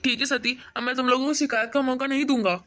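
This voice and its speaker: A woman's voice: high-pitched, steady tone, quick pace. A woman voicing a meek, idle young husband in a cartoon story, pleading and defending himself. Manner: pleading, defensive, soft-spoken. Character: idle grown son and husband, meek and apologetic. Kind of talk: animated cartoon voice acting.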